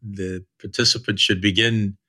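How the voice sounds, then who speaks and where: An older man of the boomer generation hosting a podcast, talking informally as a coach. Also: fairly even intonation, normal speed, bright, forceful tone, breathy edge. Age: older, baby boomer. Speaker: podcast host and leadership coach.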